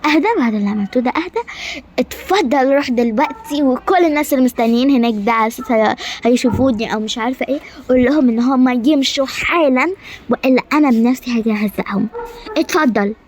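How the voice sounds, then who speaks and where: A woman with an Egyptian Arabic accent voicing a haughty, short-tempered queen who scolds her staff in rapid complaints. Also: high-pitched, a little mellow, natural voice. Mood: indignant. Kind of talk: amateur game-animation drama voicing.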